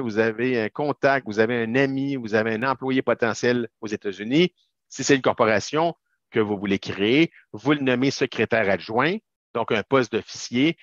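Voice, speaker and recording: A man's voice: mid-range voice, fairly bright tone, no echo. Man, Québécois accent, chatty emphatic presenter, webcam call, dry and a bit muffled. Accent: Québécois French. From Quebec, Canada. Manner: emphatic, chatty with informal asides. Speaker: business lawyer presenting a webinar. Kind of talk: webinar presentation over slides. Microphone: video call webcam.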